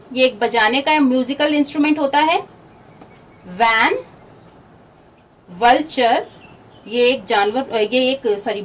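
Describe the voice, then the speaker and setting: A woman teacher giving a phonics lesson to children, explaining each letter sound slowly and patiently. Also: high-pitched. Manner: slow, drawn-out, patient explaining to kids. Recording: distant mic, faint background noise.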